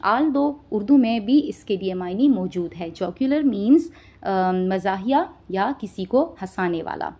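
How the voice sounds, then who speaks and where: A woman's voice: medium pitch, animated, a little slow, dark tone. Woman teaching vocabulary, lo-fi sound. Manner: lists word meanings, adds tag questions to check understanding. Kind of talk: spoken vocabulary lesson.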